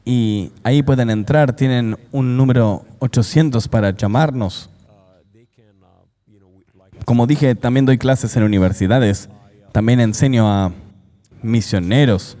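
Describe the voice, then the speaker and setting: An earnest man recounts a personal testimony with emphatic, storytelling delivery. His voice is warm and mellow at an average pitch. A long, hall-like reverb trails behind every phrase. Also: unhurried, long pauses. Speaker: guest giving a testimony. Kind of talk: dubbed interview testimony.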